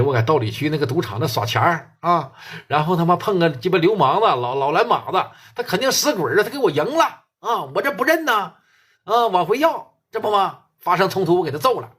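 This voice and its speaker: A man's voice: high voice, fairly bright tone, husky, voice pushed up, full character voice. A man voicing a crude, aggrieved middle-aged gambler who swears a lot, in a Northeastern Mandarin accent.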